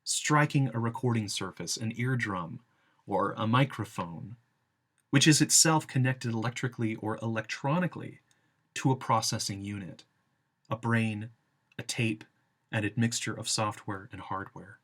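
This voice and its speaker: Deliberate, low-pitched male lecturer. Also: fairly bright tone. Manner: deliberate, emphatic phrasing in short segments. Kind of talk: academic philosophy lecture.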